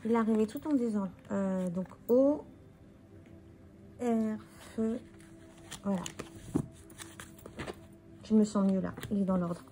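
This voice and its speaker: A slight hiss or hum sits under this mellow, mid-range female voice, which moves slowly and pauses often. The speaker, a tired tarot reader, casually presents her deck, reflecting aloud as each card is turned.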